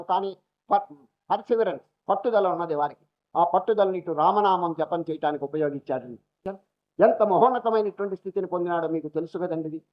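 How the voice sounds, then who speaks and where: Brief: male swami, high voice, storytelling sermon style, old muffled lo-fi tape sound. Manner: storytelling, mixes English phrases into his talk. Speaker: swami giving a scripture lecture. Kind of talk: spiritual discourse with storytelling. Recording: dull lo-fi archival lecture recording.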